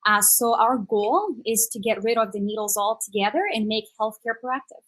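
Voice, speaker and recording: In a conversational panel interview, a startup executive in her thirties from Brazil describes her company in an upbeat way, dropping many "uh" fillers. A native Portuguese speaker with a Brazilian Portuguese accent, she has a slightly high, fairly bright voice and talks at normal speed.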